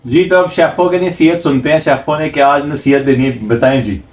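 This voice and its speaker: Man, vlog host, chatty and teasing, slightly high voice, roomy sound. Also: moderate pace. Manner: chatty, teasing, prompts others. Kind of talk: casual family chat. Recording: roomy home recording.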